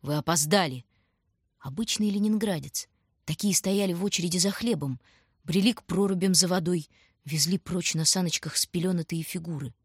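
A woman reading a story aloud in scripted, measured and dramatic narration. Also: on the low side, husky, no room sound, studio quality. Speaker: audiobook reader.

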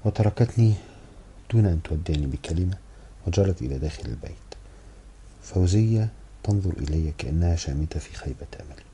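A man narrating a novel in the first person with a steady, brisk literary reading. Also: low-pitched, slight background noise. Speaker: audiobook narrator.

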